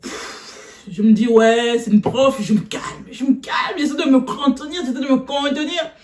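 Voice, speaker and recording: A woman telling a personal story in a casual, animated way, often laughing as she talks. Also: sits high, normal speed. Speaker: vlogger. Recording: echoey room.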